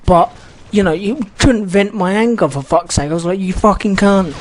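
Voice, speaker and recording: A man's voice: sits high, animated, moderate pace, a little hiss or hum. A man ranting casually about an online match, swearing often and rambling with many restarts. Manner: heated, swears a lot, rambling with frequent restarts. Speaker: gaming channel host.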